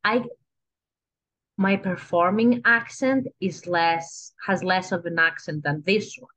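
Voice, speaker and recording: Taking it slowly in a lowish, somewhat bright voice, a Greek-accented actress talks casually on a podcast as a guest. She's chatty, keeps starting sentences over, and tosses in "you know?" again and again.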